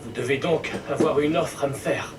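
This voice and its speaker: A man's voice: a little high, normal speed, close to an everyday voice. Wary scientist man voicing him, game audio. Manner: wary, clipped, businesslike. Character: nervous male scientist, bioware inventor. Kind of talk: French game dub. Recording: distant game audio with noise.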